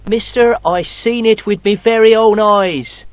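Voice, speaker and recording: A man's voice: high voice, measured pace, clear, resonant tone, no room sound. A man voicing a cheeky, boastful Irish boy who tells tall tales in broad colloquial speech, with an Irish accent, in a video game. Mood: spooked storytelling.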